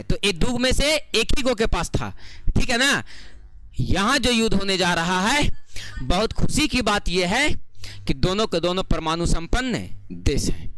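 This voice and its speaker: A man's voice: high voice, a bit bright. A young man with a Bihari Hindi accent teaching a class, asking questions again and again in a chatty, sing-song way. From Bihar, India. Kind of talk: classroom lecture.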